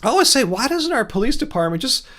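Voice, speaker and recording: His pitch is extremely high and swings widely, and he talks at a quick pace with a slightly bright tone. He's a Californian livestream host from the United States with a Californian American accent, rambling casually as he responds to viewer comments.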